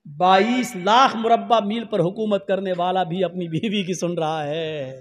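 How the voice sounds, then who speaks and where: A man with a strikingly high voice delivers a humorous sermon, spinning anecdotes with lively, joking energy. His words ring out in a large hall with a long reverb tail. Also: measured pace. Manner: storytelling, animated, jokey. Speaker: preacher.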